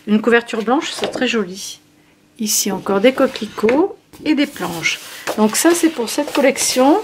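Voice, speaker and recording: A woman with a slightly high voice chats her way through new craft papers, pausing often on little fillers. A faint hiss and the crinkle of paper sit under her voice. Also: expressive. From France. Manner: hesitant, many fillers, friendly. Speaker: scrapbooking shop owner. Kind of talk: casual product show-and-tell.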